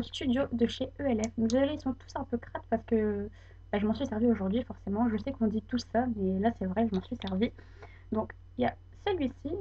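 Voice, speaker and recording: A woman's voice: fairly high pitch, warm tone, muffled recording. A young woman from France chatting casually about her favourite beauty products, full of fillers and repeated praise. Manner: chatty, many fillers, enthusiastic repetition. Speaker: beauty vlogger. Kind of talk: casual product review to camera.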